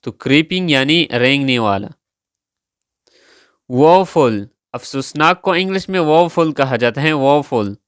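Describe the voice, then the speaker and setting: A man teaching vocabulary at a very slow, deliberate pace. His voice is smooth and clear, and he repeats each word and spells it out letter by letter. The recording is dry and close, with no room sound. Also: medium pitch, lively intonation, no room sound.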